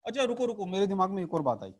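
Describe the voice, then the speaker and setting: Chemistry teacher guy, playful and theatrical, slightly high voice, talking to camera. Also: sing-song, rapid-fire. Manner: playful, theatrical, teasing the class. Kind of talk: online lesson to camera. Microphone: camera mic.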